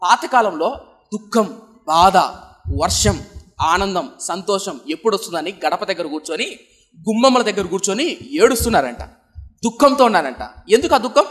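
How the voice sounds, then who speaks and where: A young man from Andhra Pradesh, India, preaching a sermon, asking the congregation rhetorical questions and swinging between loud emphatic lines and soft low passages. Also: lively intonation, moderate pace, pauses often. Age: young adult.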